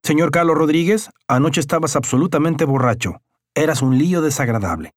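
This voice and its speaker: A man playing a gruff, stern jail officer. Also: on the high side, a little fast, no echo, studio quality, pitched above the performer's own voice, natural voice. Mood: curt. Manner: barking, clipped orders.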